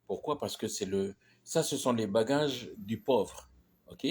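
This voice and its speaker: A man teaching English pronunciation in French, talking in a halting way with many restarts and checks like "ok?". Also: lowish voice, breathy edge. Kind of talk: casual spoken lesson.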